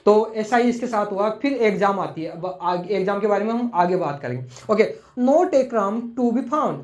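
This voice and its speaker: Male teacher, explaining a poem line by line, repeats and spells words, slow on the english lines, roomy echo. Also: sits high, animated.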